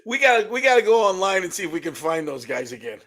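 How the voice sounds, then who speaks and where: Guy cohosting a podcast, crude teasing banter, brightish kinda high voice. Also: very animated, fast talker. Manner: teasing, crude, laughs a lot. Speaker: podcast co-host. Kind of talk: casual chat. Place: podcast studio.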